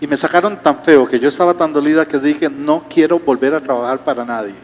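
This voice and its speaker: A man's voice: on the high side, a little fast. A male pastor, preaching a sermon with rhetorical questions and humorous asides. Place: church auditorium. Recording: reverberant church hall.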